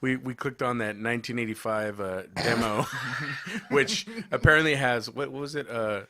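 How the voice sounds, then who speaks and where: A man's voice: mid-range voice, moderate pace, pushed and bright. A man co-hosting a podcast in laid-back, jokey casual chat, swearing freely. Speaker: podcast co-host.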